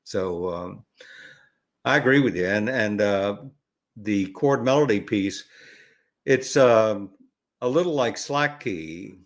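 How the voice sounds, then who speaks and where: This older man speaks in a low voice, animated yet halting, rambling along with plenty of fillers and restarts. He's a ukulele educator appearing as a podcast guest in a relaxed conversational interview.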